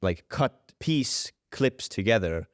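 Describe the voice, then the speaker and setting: A man from Estonia, an actor chatting as a podcast guest in a relaxed, rambling and playful way. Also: lowish voice, slow pace, no echo, clean studio sound. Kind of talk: casual interview chat.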